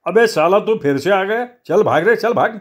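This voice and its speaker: A man voicing a shrill, blustering middle-aged shopkeeper who shrieks and stammers in fright. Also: animated, normal speed. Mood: angry.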